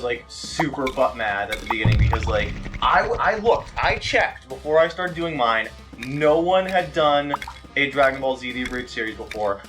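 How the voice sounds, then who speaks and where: A medium-pitched man, far from the mic with music playing behind him, provides rambling, casual gameplay commentary as a let's player. He swears, runs himself down, and exclaims at the game in the middle of sentences.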